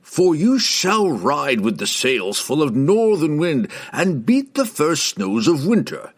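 A man reading aloud, voicing an old male wizard who speaks slowly and ominously. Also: on the high side, sing-song, voice pushed up, full character voice. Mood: grave. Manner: slow, measured, ominous delivery.

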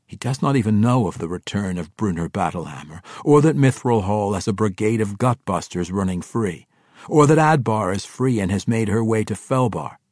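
A man as a calm, measured drow ranger. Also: on the low side, no room sound, studio quality. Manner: measured, formal.

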